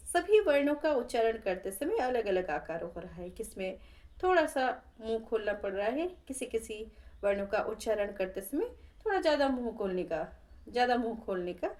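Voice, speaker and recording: A woman's voice: on the high side, a little mellow. A woman teaching a lesson on vowel pronunciation, patiently explaining and repeating vowel sounds for learners to copy. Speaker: Hindi grammar teacher.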